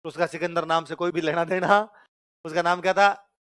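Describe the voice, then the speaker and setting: A male history teacher with a Rajasthani Hindi accent lectures a classroom in a fairly high voice. His tone is smooth and resonant, and the sound is dry and close. He keeps repeating questions for the class to answer back. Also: fairly even intonation, moderate pace, fairly bright tone, no room sound.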